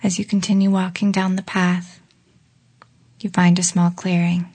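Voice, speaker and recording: A woman leading a guided relaxation exercise in a slow, soft voice that often drops into a whisper. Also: fairly low pitch, level tone. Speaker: meditation guide.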